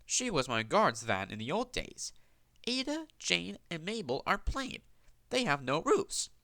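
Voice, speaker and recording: A man's voice: high-pitched, wildly swooping pitch, a little slow, vocal fry, pushed and bright, no echo, voice pushed up, exaggerated voice. A man voicing a cheerful, polite young male engine in a storybook reading, chatty and earnest.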